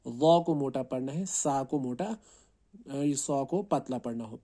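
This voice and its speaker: A man with a warm, low voice teaches the pronunciation of Quran letters in Arabic. He explains slowly, then calls out each letter long and loud, often checking in with "right?"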